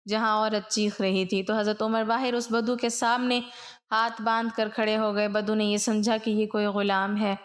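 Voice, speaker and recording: A woman telling a religious story in a solemn tone, speaking directly to her viewers. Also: mid-range voice.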